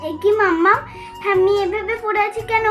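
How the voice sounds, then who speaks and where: A man voicing a confused small child in a doll cartoon, with a squeaky, childlike voice. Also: fairly even intonation, normal speed, bright, forceful tone, soft background music.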